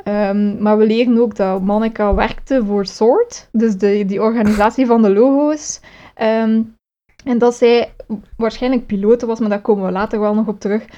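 A woman's voice: a little high, fairly even intonation, moderate pace, dark tone, lo-fi sound. A woman recapping a series episode on a podcast, rambling and correcting herself with many fillers. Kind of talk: casual chat.

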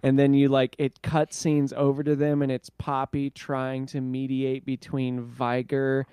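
A man's voice: mid-range voice, monotone, a little slow, warm tone, clean tone, no room sound, clean studio sound. A man co-hosting with playful, casual banter, riffing on ideas. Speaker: podcast co-host.

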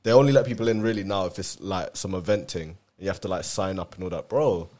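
Low-voiced young London roadman, slangy and sweary. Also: fast talker, darkish tone. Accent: London roadman, multicultural London street. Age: young adult. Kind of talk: casual chat, storytelling with friends.

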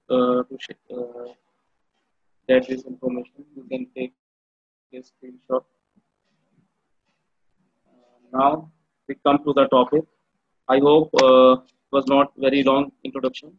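A man with a North Indian accent, giving an informal online training presentation in a halting, polite way. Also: medium pitch, vocal fry. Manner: halting, polite, addressing participants. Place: online meeting. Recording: muffled, echoey online call audio.

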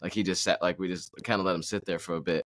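A man's voice: sits low, steady tone, fast talker, a bit bright, dry recording, clean studio sound. A man hosting a running podcast in casual chat, rambling with lots of fillers and restarts. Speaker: podcast host.

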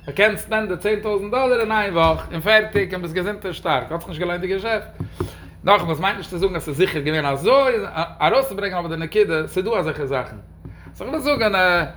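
A man with a high, quick voice gives a religious talk and answers questions. He speaks emphatically and keeps pushing the stress up on key words. Faint noise sits behind him. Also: lively intonation, a bit bright.

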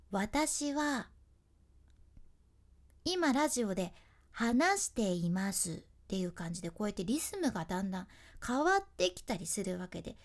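A woman who works as an announcer, giving a chatty, step-by-step lesson on speaking and acting out example phrases. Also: on the high side. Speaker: announcer teaching speaking skills. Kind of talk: casual instructional talk.

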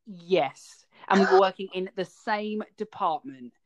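A man's voice: high voice, measured pace, muffled recording. A man co-hosting a podcast in casual chat, telling stories with a wry, chatty manner. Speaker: podcast co-host.

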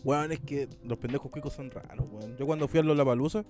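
Fast-talking excitable Chilean man. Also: medium pitch, faint music behind. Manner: excitable, slangy and profane. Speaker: podcast co-host. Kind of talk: casual chat.

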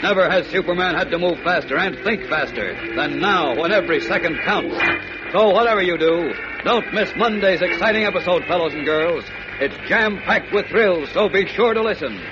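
A man's voice: sits high, normal speed, muffled recording. A man announcing and narrating an old radio serial in an urgent, theatrical, suspenseful style. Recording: scratchy old radio broadcast, music behind.

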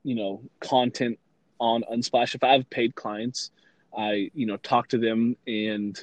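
Man, mid-pitch, relaxed podcast guest; loose, filler-heavy talk, dry recording. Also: unhurried, no echo. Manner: easygoing, rambling, many fillers. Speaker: guest, brand consultant and content creator. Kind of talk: casual interview chat.

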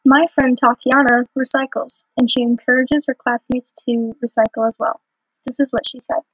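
A woman co-hosting a podcast in a casual, scripted chat, often filling with "like", recorded over a low-quality phone line. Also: level tone, moderate pace, breathy edge, no echo. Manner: chatty, fills with "like". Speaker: podcast co-host. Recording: muffled dry phone-line audio.

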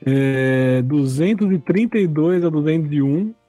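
A man playing a quiz game on a podcast, excitable and self-mocking, swearing now and then. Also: fairly high pitch, a little slow, faint music behind. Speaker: quiz contestant. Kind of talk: casual podcast game chat.

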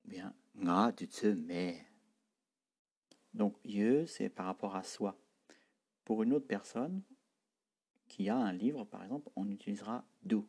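A man's voice: fairly low pitch, measured pace, pauses often, darkish tone, slightly rough. A man teaching a spoken language lesson, saying words and tones one by one, repeating them, and patiently explaining how to pronounce them.

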